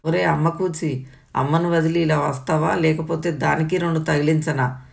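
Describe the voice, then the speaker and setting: Woman doing angry abusive father, yells and sneers, gravelly and flat. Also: deep voice, normal speed. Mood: raging. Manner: yelling, sneering and scolding. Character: furious abusive middle-aged father, shouting insults.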